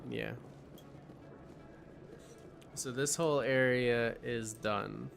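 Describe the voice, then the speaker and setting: A man's voice: mid-range voice, drawn-out words, gravelly, a bit bright, slight background noise. A tired young man streaming a game, musing and muttering to himself as he plays. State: tired, yawning. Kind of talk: casual live-stream gaming chat. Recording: game music under the voice. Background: game music.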